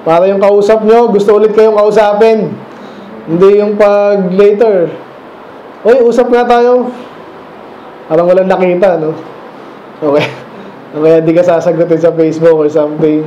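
A man's voice: high-pitched, level tone, moderate pace, dark tone, slight background noise. A man with a Filipino accent, preaching a conversational Bible lesson and checking in with questions like "okay?" and "right?". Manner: keeps checking in with rhetorical questions. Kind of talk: conversational Bible teaching sermon. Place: church. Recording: echoey church room, dull lo-fi sound.

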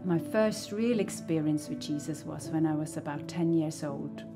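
A Swiss woman in her sixties, a church member, earnestly and reflectively shares her faith testimony, with soft hesitations, in a low voice at a moderate pace. She's recorded in a small living room on a stand mic, framed at medium close-up, with soft music in the background.

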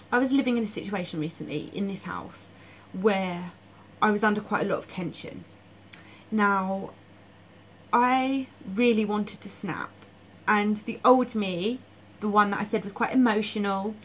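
A woman's voice: medium pitch, slight background noise, low-quality recording. A woman vlogging about her dreams in casual, frank, blunt monologue with frequent fillers.

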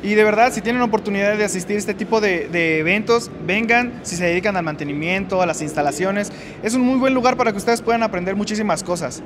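A man's voice: high-pitched, fast, noisy background. A man, an invited content creator, talking upbeat and casual at an expo hall. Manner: upbeat and recommending. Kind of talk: casual interview.

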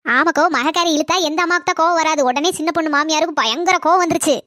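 A woman's voice: high-pitched, rapid-fire, bright, forceful tone, no room sound, clean studio sound. A woman voicing a nosy neighbor in a cartoon who eagerly spreads street gossip, with a Kanyakumari Tamil accent. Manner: breathless, eager storytelling gossip. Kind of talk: cartoon comedy dialogue.

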